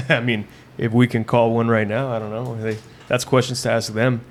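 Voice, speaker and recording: This is a man in a relaxed interview who talks in a blunt, intense way, the way a wrestling coach does. His pitch is ordinary for a man. He often stumbles and restarts mid-sentence before pressing on with his point. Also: normal speed. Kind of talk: casual interview chat.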